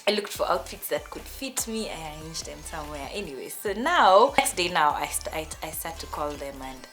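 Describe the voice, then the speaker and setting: A young woman with a Kenyan accent tells a personal storytime vlog in a lively, emotional way, often restarting her sentences. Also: deep voice, normal speed, over music. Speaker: vlogger.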